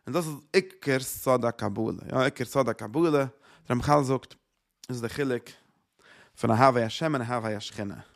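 Man, religious teacher, Torah lecture, repetitive rhetorical questioning, middle pitch. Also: a little fast, creaky.

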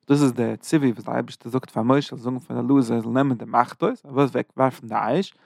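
Man, gravelly voice, informal Torah lesson, emphatic jumps in pitch, dry close sound. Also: brisk, a little mellow, no room sound. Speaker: Torah teacher.

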